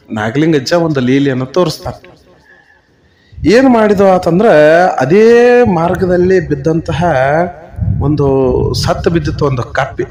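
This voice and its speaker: A man with a North Karnataka accent telling a devotional story, slow and emphatic, turning often to address his listeners. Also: a little high, a little mellow. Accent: North Karnataka Kannada.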